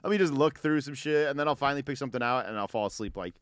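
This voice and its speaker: A man's voice: mid-range voice, rapid-fire, a bit bright, no room sound, studio quality. A man co-hosting a podcast, easygoing and often laughing, swearing casually. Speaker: podcast co-host.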